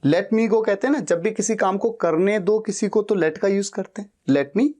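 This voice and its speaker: A man teaching a spoken English lesson, slowly repeating phrases as he explains and mixing Hindi with English examples. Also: high-pitched, dark tone.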